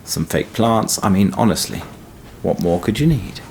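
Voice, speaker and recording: A man's voice: on the low side, animated, moderate pace, vocal fry, darkish tone, slight background noise. A young man giving a chatty, wry walkthrough for a travel vlog. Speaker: travel vlogger. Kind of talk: casual walkthrough to camera.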